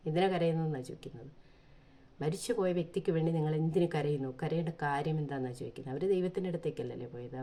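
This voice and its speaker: Low, dark-voiced woman pleading earnestly. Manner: earnest, pleading, rhetorical questions. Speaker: vlogger. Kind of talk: impassioned opinion monologue.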